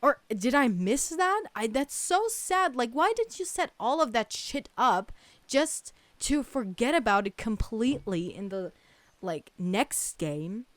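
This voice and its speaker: A woman's voice: a little high, lively intonation, measured pace, no room sound. A woman ranting in casual chat, heated and sweary, with lots of fillers and restarts. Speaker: streamer.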